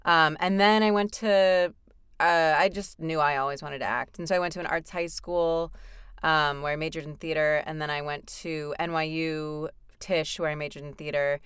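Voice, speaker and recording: A young American woman, a voice actor, chatting casually as an interview guest, laughing often and filling pauses with ums. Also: sits low, steady tone, fairly bright tone, clean tone, no echo, clean studio sound. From United States.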